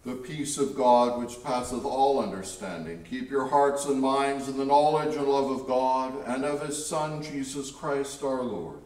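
A man leading a church liturgy as priest, reciting set prayers in a solemn, measured way. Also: mid-range voice, darkish tone. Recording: echoey room from far off.

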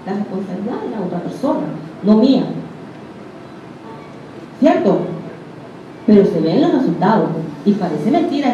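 A woman's voice: a little high, dark tone, a little hiss or hum. A woman with a Venezuelan accent teaching a group in a conversational way, often putting questions to her listeners. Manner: conversational, questions the audience directly. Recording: echoey room, distant dull mic.

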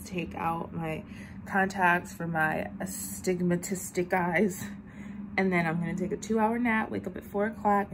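A woman's voice: on the low side, creaky, noisy background. A young woman in her twenties talking casually to camera for a beauty vlog, chatty and drowsy, recorded close on a phone at home. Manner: chatty, tired and drowsy, with sighs and drawn-out words. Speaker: beauty vlogger. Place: bedroom at home, indoors. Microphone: phone or camera held close.

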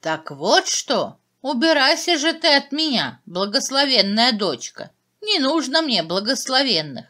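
A woman voicing a stern, grumpy old witch in a fairy tale, with a commanding, drawn-out delivery. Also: sits high, sing-song, pushed and bright, exaggerated voice. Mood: angry dismissal.

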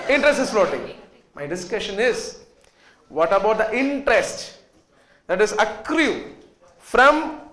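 A high-pitched, fairly bright male voice delivers a classroom lecture on accountancy. The lecturer, in his thirties with a South Indian accent, stresses and repeats points and quizzes students, while the echoey room lets students be faintly heard.

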